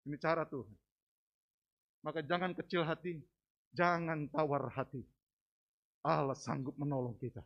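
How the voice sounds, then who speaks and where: Male preacher, high-pitched, dramatic testimony from the pulpit, hushed lows and loud peaks. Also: fairly even intonation, normal speed, gravelly, pauses often, dull audio. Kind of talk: sermon testimony. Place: church.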